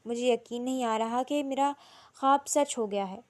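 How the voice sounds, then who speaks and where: A woman voicing a young husband who speaks quietly, coldly and firmly, in a storybook reading. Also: fairly high pitch, close to an everyday voice. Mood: cold, stern. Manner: quiet, cold and firm. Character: young husband, stern and wounded.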